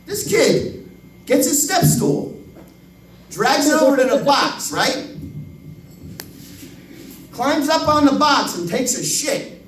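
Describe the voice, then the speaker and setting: A man's voice: very high voice, slow, long pauses, recorded from a distance. A man in his fifties telling profane stand-up comedy stories, acting out other people's voices. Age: 50s. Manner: profane, animated, acts out voices. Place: comedy club stage. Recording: roomy echo, voice from the mic.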